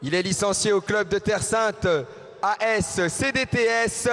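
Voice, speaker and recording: A man's voice: high-pitched, fairly even intonation, a little slow, fairly bright tone, big-room sound. A man working as a ring announcer at a kickboxing event, making theatrical arena announcer introductions and stretching out fighters' names.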